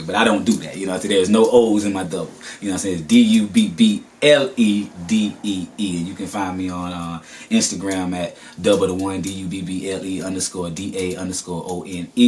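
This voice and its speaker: A man's voice: low voice, darkish tone, recorded from a distance, slight background noise. A man who raps, giving a casual, laid-back interview with a Southern US accent and many repeated filler phrases. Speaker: rapper.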